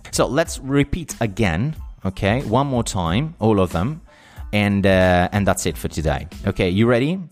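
Low-voiced Italian man teaching English. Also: slow, soft background music. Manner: switches between Italian explanation and lively English example phrases. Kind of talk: casual spoken English lesson.

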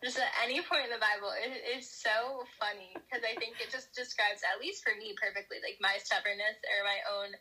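Young female guest, bright and airy, lively storyteller who laughs a lot. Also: medium pitch, fairly quick, hardly any pauses, husky, low-quality recording. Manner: animated, laughing, acts out quotes. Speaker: podcast guest. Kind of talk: casual chat.

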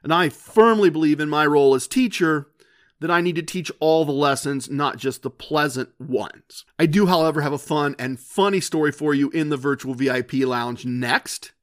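A man's voice: on the high side, moderate pace. A man hosting a gambling podcast, telling a story in an earnest, conversational way with frequent restarts. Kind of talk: casual storytelling monologue.

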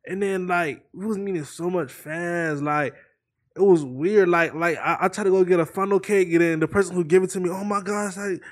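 A young man in his early twenties with a slightly high voice, speaking softly and haltingly in a casual chat. He restarts his sentences often and talks in slang. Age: 20s.

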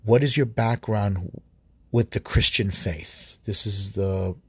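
Priest-host, low husky voice, dry close sound; reads an article aloud, trips over words and fixes them. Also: male voice, dry recording. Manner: halting, restarts words and corrects himself. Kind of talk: reading an article aloud with commentary.

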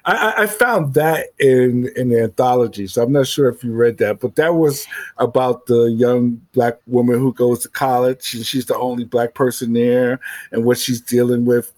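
A man's voice: medium pitch, a little mellow, dry recording. A man talking as a guest writer in a casual interview, rambling and filling his speech with "you know" and "I mean".

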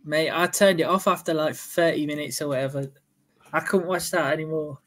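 Chatty man, fairly high voice. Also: a little fast. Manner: chatty, excitable, fan talk. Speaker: podcast co-host. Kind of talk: casual chat.

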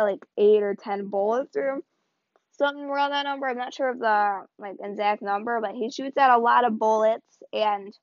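Tired and strained, a woman's fairly high voice drifts through casual, rambling podcast chatter as she hosts. There's no room sound, just a dull, dry lo-fi recording.

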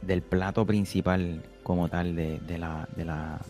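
Man, very low voice, measured scripture talk, repeats words, faint music behind. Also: little pitch movement, darkish tone. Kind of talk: conversational Bible teaching.

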